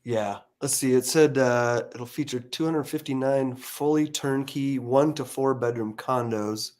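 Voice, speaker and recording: A man's voice: medium pitch, fairly even intonation, a little slow, darkish tone. A man hosting a podcast, chatting casually about real estate news in a loose, hesitant way with lots of fillers. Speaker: podcast host. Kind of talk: casual chat over a call.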